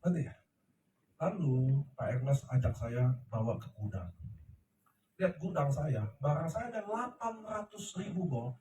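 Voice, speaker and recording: This middle-aged company leader addresses his seated team in a large room, preaching emphatically and checking understanding with "ngerti ya?" His slightly high, mellow voice is very animated at a moderate pace with long pauses, and the echoey, off-mic recording carries a little hiss or hum.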